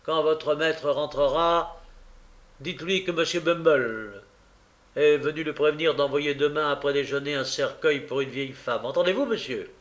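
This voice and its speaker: Storybook figure: man playing a booming, self-important beadle, raised pitch. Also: normal speed, a bit bright, natural voice. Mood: pompous. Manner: pompous, scolding, booming. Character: pompous indignant parish beadle, middle-aged man.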